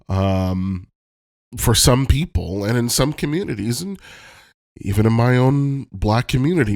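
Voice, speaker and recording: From his Los Angeles home, a podcast host with a cold talks candidly and reflectively in a personal monologue, sounding stuffed up and dropping plenty of ums and casual swearing. His voice is fairly low, recorded with studio quality and no echo.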